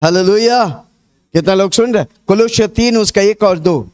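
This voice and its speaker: A fervent male preacher with a notably high voice for a man, pacing his sermon through vivid repeated storytelling. He keeps urging the congregation to repeat his words back, building a rousing call-and-response. Energetic and insistent. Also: moderate pace. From India. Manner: storytelling with repetition.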